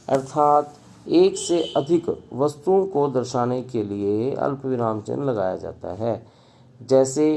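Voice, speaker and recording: A man hosting his own channel, teaching a grammar lesson slowly and carefully, listing items one by one with pauses. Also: mid-range voice, creaky, warm tone. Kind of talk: slow explanatory lesson.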